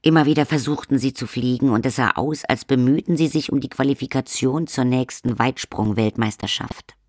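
A man narrating a comic fantasy audiobook in a wry, measured way. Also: medium pitch, no room sound, studio quality. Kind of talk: scripted narration.

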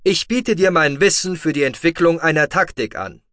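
A male reader voicing a commanding human fleet leader who talks in a loud, forceful, pressing way. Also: on the high side, lively intonation, normal speed, no echo, clean studio sound, pitched above the performer's own voice. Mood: persuasive.

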